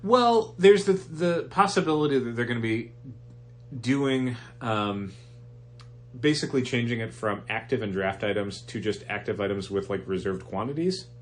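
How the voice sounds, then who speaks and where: A man's voice: medium pitch, lively intonation, moderate pace, slight background noise. A man co-hosting a comic shop podcast, explaining at length with restarts, his voice stuffy from allergies. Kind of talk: casual chat.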